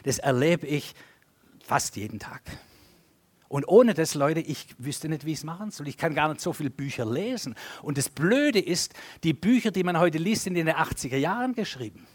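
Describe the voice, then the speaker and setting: A man preaching a sermon and leading prayer, addressing the congregation directly with sweeping rises and falls in pitch and loudness. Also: lively intonation, normal speed, slightly rough. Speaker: pastor.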